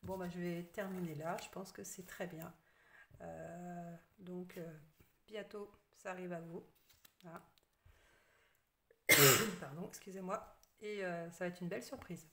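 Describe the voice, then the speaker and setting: A woman with a fairly low voice reads tarot cards for her viewers, hesitating often and filling pauses. Now and then she drops into soft half-whispered asides, and a faint hiss of noise runs under the recording. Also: fairly even intonation. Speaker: tarot reader. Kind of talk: casual tarot reading to camera.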